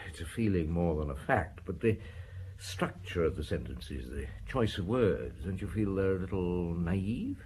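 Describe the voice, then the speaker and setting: A shrewd middle-aged police inspector in an audio drama. His voice sits low but moves expressively. He probes in measured questions and thoughtful hums, over a faint noise. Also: expressive, a little mellow. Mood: probing, curious.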